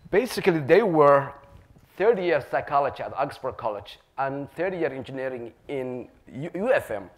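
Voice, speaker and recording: Here an earnest middle-aged storyteller speaks at normal speed in an expressive, medium-pitched voice, repeating words while assembling his phrases. His first language is Somali, and he is a panelist, community worker and radio host telling personal anecdotes into a lapel mic on an auditorium stage.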